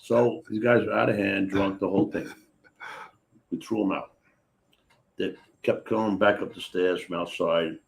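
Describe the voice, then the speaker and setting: A man's voice: low-pitched, creaky. A man in his sixties hosting a casual chat, telling stories animatedly and acting out the voices of the people in them. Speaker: host.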